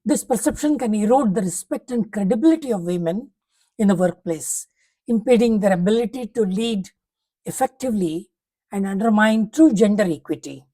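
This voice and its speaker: A woman reading a prepared talk aloud, setting out numbered points in a measured, formal way. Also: medium pitch, lively intonation, mellow, low-quality recording.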